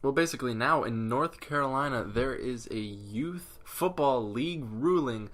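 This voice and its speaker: Bright-voiced man ranting sarcastically. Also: mid-range voice, lively intonation, moderate pace. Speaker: vlogger. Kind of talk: casual commentary vlog.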